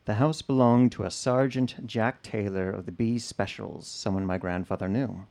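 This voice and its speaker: A man from the United States telling a personal family story to an audience in a measured, explanatory way. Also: lowish voice, creaky, a little mellow.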